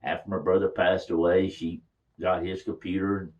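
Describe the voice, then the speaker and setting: An older man tells family memories in a casual, folksy way. His voice sits a little low, and he chuckles now and then as he talks. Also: level tone, normal speed, darkish tone, highs cut off. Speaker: storyteller. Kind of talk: casual reminiscing.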